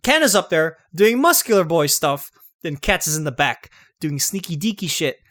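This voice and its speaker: Guy on a movie podcast, high bright voice, all over the place, laughing while he recaps. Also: moderate pace. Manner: animated, laughing, recaps the plot. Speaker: podcast co-host. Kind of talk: casual movie chat.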